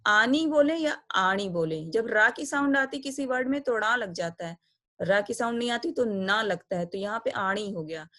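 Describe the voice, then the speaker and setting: A woman with a fairly high voice teaches an online grammar lesson. She explains each step patiently and slows right down to recite endings one by one, deliberate and clear. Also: a bit bright. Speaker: Sanskrit teacher.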